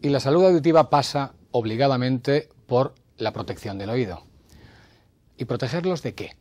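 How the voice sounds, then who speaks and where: Male TV presenter, husky mid voice, explains to camera and demonstrates loudness himself. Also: medium pitch, animated, moderate pace. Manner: demonstrative, shifts from whispers to raised voice. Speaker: TV health segment presenter.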